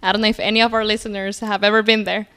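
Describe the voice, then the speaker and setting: A woman's voice: mid-range voice, level tone, very fast, bright, forceful tone, clean tone. A young adult woman from Colombia, a native Spanish speaker, talking upbeat and positive as a podcast guest, with frequent fillers. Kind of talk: casual interview conversation.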